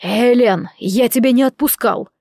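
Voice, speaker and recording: A woman voicing a cold, detached male king who speaks in clipped, measured phrases in an audiobook. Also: medium pitch, mellow, no room sound, clean studio sound, natural voice.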